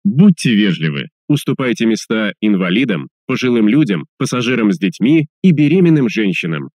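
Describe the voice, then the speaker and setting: A man making recorded subway announcements as a train announcer, formal, measured and clearly enunciated. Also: lowish voice, big pitch swings, darkish tone, no echo.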